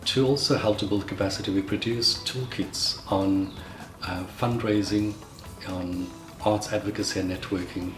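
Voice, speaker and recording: A man's voice: fairly low pitch, fairly even intonation, moderate pace, a bit bright, soft background music. A man explaining an organisation's work in an articulate, methodical way, as its secretary general. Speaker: secretary general of an arts network. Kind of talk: prepared explanatory talk in a promotional interview. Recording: roomy echo, faint background noise.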